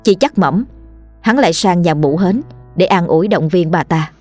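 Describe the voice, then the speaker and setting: A woman tells a ghost story in a low, unhurried voice, lingering sorrowfully over the words. Faint music plays behind her. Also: lively intonation, a little mellow.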